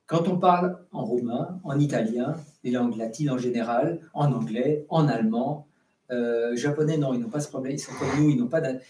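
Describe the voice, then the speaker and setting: A man's voice: on the high side, warm tone. A middle-aged man, an Orthodox priest giving an unscripted catechesis talk, full of restarts and sung-out example syllables. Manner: many restarts and fillers, sings out syllables as examples. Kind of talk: spontaneous teaching talk. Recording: roomy sound from a distance.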